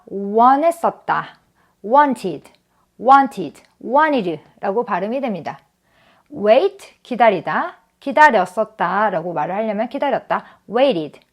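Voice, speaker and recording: A woman teaching English grammar online, repeating each word slowly and patiently. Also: on the high side.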